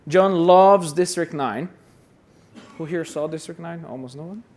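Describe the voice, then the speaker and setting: A Brazilian man speaks at a measured pace in a fairly high pitch with a darkish tone, and a little hiss or hum is audible. He gives a chatty, self-deprecating conference talk in a hall, often repeating words.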